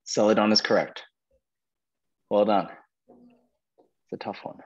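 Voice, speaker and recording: Taking things slowly, a man with a lowish, steady, slightly mellow voice hosts a quiz, reading questions aloud and giving contestants encouraging feedback. The sound comes through as dull, lo-fi online call audio.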